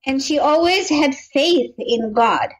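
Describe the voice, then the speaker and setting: A woman in her fifties, originally from Kenya, speaks with a notably high voice. She tells her story in an earnest, reflective manner as an interview guest. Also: animated, slow, poor audio. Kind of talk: interview conversation.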